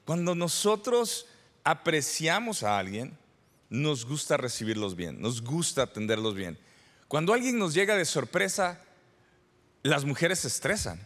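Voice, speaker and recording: Brief: male pastor from El Salvador, forties, slightly high voice, easygoing sermon delivery, church reverb. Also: very animated, measured pace, a bit bright. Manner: conversational preaching with rhetorical questions and repetitions. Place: church sanctuary.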